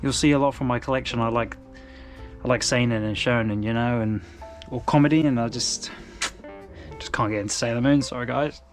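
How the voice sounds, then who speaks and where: Casting: young English man, mid-range voice, easygoing rambling chat at home, soft music behind. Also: mid-range voice, fairly even intonation, fairly quick. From England. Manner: laid-back, rambling, with frequent restarts. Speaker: manga collector vlogger. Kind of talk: casual chat.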